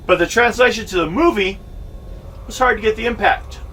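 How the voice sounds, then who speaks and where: A middle-aged man rants in a back-in-my-day way, grumbling and emphatic about what bothers him. His voice is high for a man and has a sharp, forceful edge. He sounds some distance from the microphone. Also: a little fast. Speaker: vlogger and amateur filmmaker. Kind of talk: opinionated rant to camera. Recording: distant mic with faint background noise.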